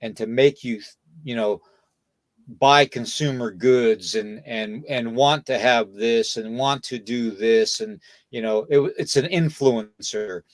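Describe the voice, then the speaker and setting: A man's voice: medium pitch, takes it slowly, dry recording. A man hosting a podcast, talking casually in a lecturing way and checking in with "okay?" and "you know" between points. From United States. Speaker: podcast host.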